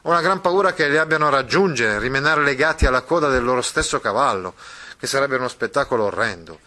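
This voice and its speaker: A man's voice: medium pitch, lively intonation, quick pace, sharp tone, pitched above the performer's own voice. A man voicing a young male puppet-show narrator with a declamatory, ornate delivery, read aloud from a novel. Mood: dramatic.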